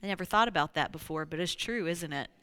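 A woman preaching a sermon to a congregation. She talks to them directly, slips into hushed whispers and then rises to loud exclamations. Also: on the low side, fast, clean tone, no echo. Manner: addresses the congregation directly, with frequent "you know".

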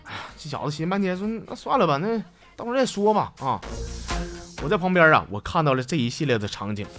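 A man with a Northeastern Mandarin accent tells funny stories as a show host, chatting along and chuckling at his own punchlines. His voice sits a little high and swings widely up and down. Music plays clearly underneath him. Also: very animated, fast, a bit bright. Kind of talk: comic storytelling show. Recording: music bed behind the voice.

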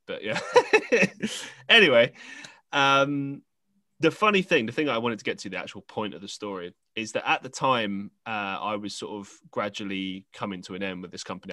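Low-voiced young English man, rambling. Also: bright, forceful tone, no echo. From England. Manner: rambling storyteller, frequent fillers and restarts. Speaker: podcast host. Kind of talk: casual conversation.

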